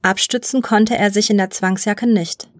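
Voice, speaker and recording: A woman narrates a science fiction short story in an even, measured reading voice. Her pitch sits in the middle range. The recording is dry, with almost no room sound. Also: no echo. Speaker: story reader.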